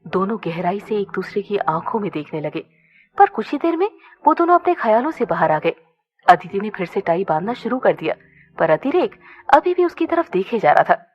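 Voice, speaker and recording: Expressive woman narrating an audio story. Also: medium pitch. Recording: dull lo-fi recording.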